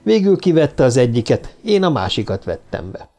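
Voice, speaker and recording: A man's voice: mid-range voice, sing-song, mellow. A man reading an audiobook in a dramatic, theatrical way, with quoted lines swelling into vengeful outbursts. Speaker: audiobook narrator.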